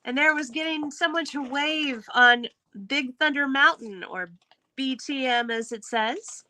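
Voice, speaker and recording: A woman's voice: high-pitched, measured pace, sharp tone, rough recording. A woman hosting a live online game, chatty and upbeat, who laughs often as she announces the winners. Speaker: host.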